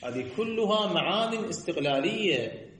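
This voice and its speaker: A man's voice: high-pitched, big pitch swings, moderate pace, fairly bright tone, slight background noise. A man giving a scholarly lesson, posing rhetorical questions and answering them himself in a sing-song cadence. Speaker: teacher. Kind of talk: seminary lecture on jurisprudence. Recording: echoey room.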